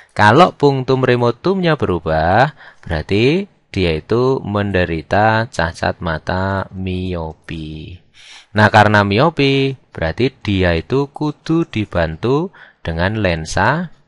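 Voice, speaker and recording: A man's voice: fairly low pitch, dry recording. A young man, teaching physics in a casual lesson. He asks questions in his own voice and answers them, filling the talk with "nah" and "kan gitu". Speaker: physics tutor.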